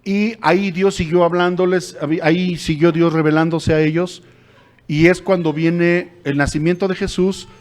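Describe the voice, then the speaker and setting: A male pastor with a Mexican accent teaching a Bible study in an animated, colloquial way. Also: sits high, normal speed. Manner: animated, uses colloquial slang, acts out quotes.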